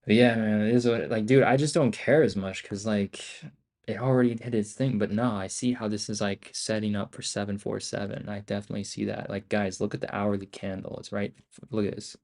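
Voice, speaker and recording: A man giving casual live trading commentary as a streamer, in loud, cocky, slangy finance-bro talk full of swearing and bro and dude. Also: fairly low pitch, fairly even intonation, fairly quick. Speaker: day trader hosting a live stream.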